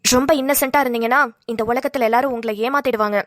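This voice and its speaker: A woman's voice: fairly high pitch, steady tone, quick pace, no echo, clean studio sound, close to an everyday voice. A woman voicing a bold caring young woman. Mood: firm. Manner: firm, encouraging. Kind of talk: cartoon voice acting.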